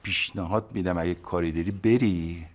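A man's voice: deep voice, fairly even intonation. An actor playing a sly, scheming husband who turns syrupy on the phone to his wife in a TV comedy. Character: scheming husband waiting on a rich uncle's death. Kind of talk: TV comedy acting.

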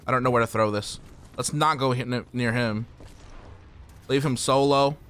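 A young man giving excitable live commentary while streaming a shooter game, swearing casually and talking to his chat and teammates. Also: medium pitch, moderate pace, smooth. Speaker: gaming streamer.

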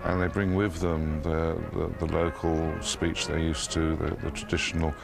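Deep gravelly man. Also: little pitch movement, normal speed. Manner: hesitant, repeats words. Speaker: dictionary author. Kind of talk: explanatory interview answers.

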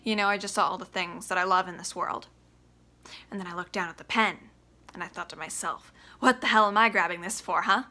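A young woman performing a theatrical monologue as a bitter, desperate grown son confronting his father, with emphatic delivery. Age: young adult. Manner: emphatic, confrontational, swinging from low to shouting. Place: small plain room indoors.

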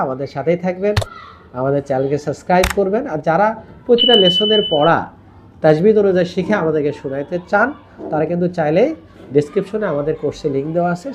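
A man's voice: sits high, darkish tone, muffled recording, a little hiss or hum. A man teaching tajweed, patiently explaining rules and demonstrating Arabic pronunciation by drawing out the vowels, with English words mixed in. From Bangladesh. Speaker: online Quran teacher.

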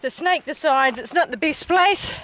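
A middle-aged woman with a New Zealand accent chats enthusiastically at normal speed while hiking a desert mountain trail, filming a casual walking vlog. Her voice is high-pitched and fairly bright, picked up by a camera held at arm's length, with noisy outdoor audio.

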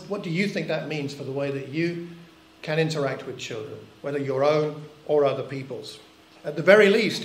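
An older man preaches a sermon in a church hall, earnest and reflective, frequently posing rhetorical questions. His voice is mid-range, carrying a little hiss or hum, and the recording is echoey.

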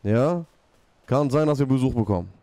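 A man's voice: medium pitch, animated, moderate pace, dark tone. A man in his thirties role-playing a gang boss in an online game, commanding and full of street slang, on a desk mic. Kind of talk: in-character gaming role-play talk. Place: small room at home, indoors. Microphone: desk mic near the mouth, with headset.

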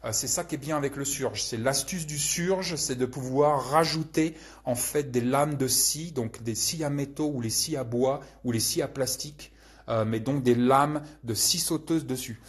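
A man's voice: medium pitch, moderate pace, husky. A man hosting a casual live question-and-answer session, rambling with many hesitations and crude slang. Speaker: channel host answering viewer questions.

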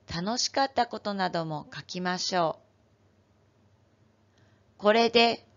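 A woman teacher giving an online lesson to first graders, speaking gently and clearly to young children. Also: mid-range voice, highs cut off. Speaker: elementary school teacher.

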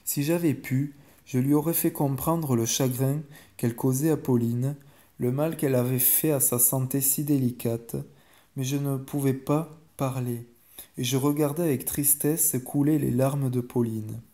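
A man calmly reading a bedtime story aloud in a measured way. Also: medium pitch. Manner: calm and measured.

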